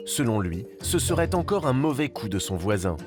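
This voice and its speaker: A man reading scripted narration for a report in a steady, measured way. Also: mid-range voice, over music. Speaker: documentary narrator.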